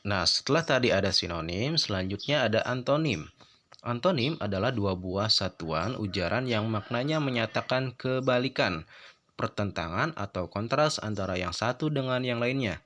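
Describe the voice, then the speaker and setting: A male teacher giving a recorded lesson, explaining step by step and often checking in with a quick "ya". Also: lowish voice, animated, a bit bright, slight background noise.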